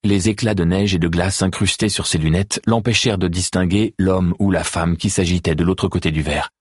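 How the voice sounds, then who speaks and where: A man reading a novel aloud as an audiobook narrator, in a measured, even manner. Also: low-pitched, slightly rough, dry recording, clean studio sound. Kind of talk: scripted narration.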